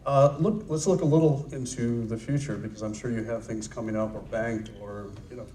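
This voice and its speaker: A man's voice: mid-range voice, fairly even intonation, brisk, mellow, a little hiss or hum. A man moderating a casual convention panel, asking chatty questions. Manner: chatty, prompting questions with small laughs. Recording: echoey hall from far off, crowd behind. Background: audience crowd.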